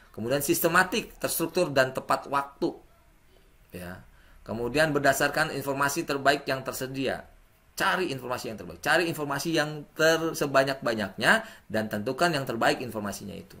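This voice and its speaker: A man giving a classroom lecture, animated and acting out sample messages with wide swings in pitch.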